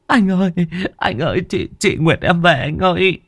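A man voicing a terrified middle-aged woman who begs and sobs in a high, wailing falsetto. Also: expressive, moderate pace, fairly bright tone, no echo, full character voice. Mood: sobbing.

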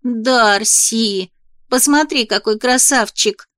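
A woman's voice: a little high, slow pace, fairly bright tone, no room sound. A gushing, gossipy young female dragon from a storybook, voiced by a woman narrator, lifted a little above her usual tone. She chatters breathlessly and eagerly, in a dry, close recording. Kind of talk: audiobook character voice.

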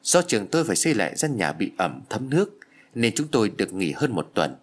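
Husky-voiced storyteller man. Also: lowish voice, very animated, a little fast. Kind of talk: first-person ghost story narration.

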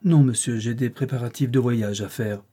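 Male reader as reserved young governess, audiobook, mellow breathy voice. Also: medium pitch, moderate pace, close to an everyday voice. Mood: firm. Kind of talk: audiobook reading.

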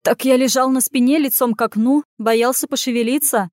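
A woman voicing a frightened young male tavern servant who stammers and yells in panic. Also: high voice, steady tone, brisk, no echo, studio quality, pitched above the performer's own voice, natural voice. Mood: breathless.

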